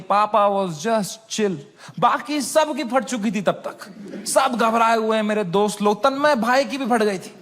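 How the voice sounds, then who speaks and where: A man telling a stand-up story in an animated way, switching between Hindi and English. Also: high-pitched. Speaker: stand-up comedian.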